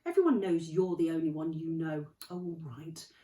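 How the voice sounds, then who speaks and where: A woman voicing a stern, anxious older female witch professor who speaks in a brisk, clipped, impatient way. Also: low-pitched, animated, dark tone. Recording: echoey room, distant mic.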